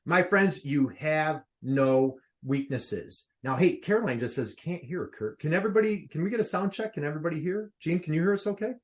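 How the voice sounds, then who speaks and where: A man's voice: a little high, a little fast, hardly any pauses. A man hosting a live online workshop, upbeat and playful, quizzing his audience over a video call. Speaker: workshop host.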